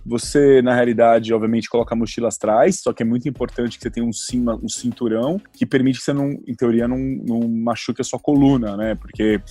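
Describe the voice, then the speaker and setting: A man's voice: mid-range voice, fairly even intonation, brisk, few pauses, mellow, no echo, faint music behind. A man in his forties from São Paulo, talking about travel as a podcast guest, often restarting his sentences. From Brazil (São Paulo). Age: 40s. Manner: hesitant, many restarts and fillers. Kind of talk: casual interview talk.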